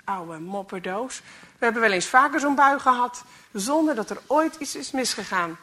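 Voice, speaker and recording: A woman's voice: a little high, expressive, normal speed, bright, forceful tone. Woman doing a teasing cheerful radio operator. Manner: teasing, good-humoured.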